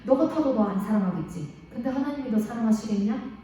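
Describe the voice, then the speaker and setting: A woman's voice: on the high side, expressive, dark tone, slight background noise, natural voice. A woman voicing a scornful devil who fires off mocking taunts, in an echoey hall with the mic far away. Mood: taunting. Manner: mocking, rapid-fire taunts.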